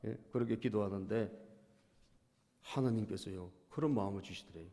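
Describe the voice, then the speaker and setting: A male pastor preaching a sermon, storytelling and often prompting the congregation, dropping to soft asides and rising to loud bursts. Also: fairly low pitch, normal speed. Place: church sanctuary. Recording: long reverb of a church hall.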